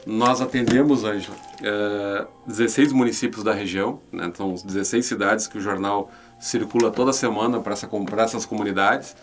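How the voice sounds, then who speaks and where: A man with a southern Brazilian accent from Rio Grande do Sul is an interview guest representing a regional newspaper. He answers conversationally, repeating words and often seeking agreement with little tags. His voice is fairly low and fairly even, brisk with few pauses, against slight background noise.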